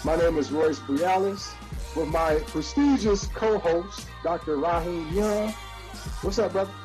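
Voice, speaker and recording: A man's voice: fairly high pitch, measured pace, darkish tone, soft background music, low-quality recording. A man hosting a casual interview show, laid-back and saying "man" a lot. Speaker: podcast host.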